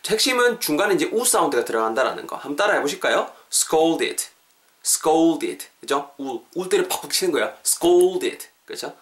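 Lively English-teacher host. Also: male voice, fairly high pitch. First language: Korean. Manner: lively, drills English phrases slowly, repeats words. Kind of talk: casual podcast lesson.

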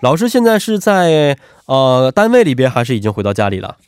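Stuffy-nosed man hosting radio, lively pitch. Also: a little fast, clear, resonant tone. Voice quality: stuffy, congested nasal voice. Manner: polite, attentive, echoes answers back. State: allergic rhinitis. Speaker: radio host. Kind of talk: radio phone interview.

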